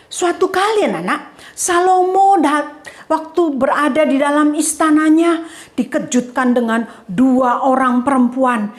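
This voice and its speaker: A woman Sunday school teacher telling a Bible story to children in a lively, playful way, often addressing them directly. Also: sits high. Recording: echoey room.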